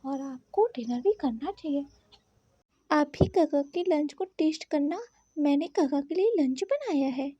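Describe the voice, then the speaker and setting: A woman's voice: high-pitched, expressive, measured pace, mellow, no room sound, lo-fi sound. A woman voicing a sweet, sulky young man who whines and pouts, in a read-aloud fan story. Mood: pouting. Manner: whiny, pouting, sulky. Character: pouting sweet young male omega, childlike.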